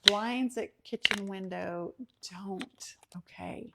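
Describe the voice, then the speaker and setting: A woman's voice: medium pitch, unhurried, heavy background noise. A woman, chatting casually at home on a livestream and reading viewer comments aloud with many ums. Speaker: host of a home and kitchen channel.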